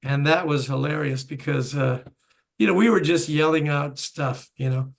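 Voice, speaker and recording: A man in his seventies, a host and bandleader, leads a reminiscing interview chat in a slightly high, gravelly voice at normal speed. He tells stories sprinkled with chuckling asides.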